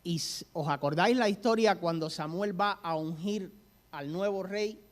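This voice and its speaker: A man's voice: sits high, normal speed. A man preaching a sermon, telling stories and asking the congregation questions. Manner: storytelling, asks the congregation questions.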